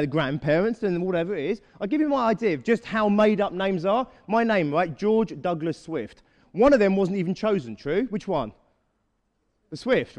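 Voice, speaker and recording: A man giving a live motivational talk to a young audience, often checking in with quick rhetorical questions. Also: high voice, darkish tone, big-room sound. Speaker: motivational speaker.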